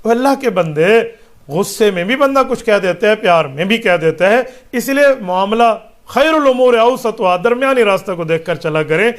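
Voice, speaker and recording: High-voiced man preaching emphatically. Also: lively intonation. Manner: emphatic and rhetorical, lists points, recites Arabic phrases. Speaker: mufti answering religious questions. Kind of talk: religious Q&A answer, preaching.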